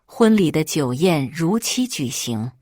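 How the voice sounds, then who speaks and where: A woman reading a dramatic family story aloud, her fairly low voice moving through wide, lively pitch. The recording is close and dry, with no room sound. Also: measured pace, dry recording. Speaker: story narrator.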